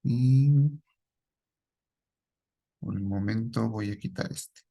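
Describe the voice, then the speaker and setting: In a live classroom programming lesson, a male teacher poses questions, repeats what students answer, and tags his sentences with "¿sí?" to check understanding. He speaks slowly in a fairly low, dark, steady voice with vocal fry.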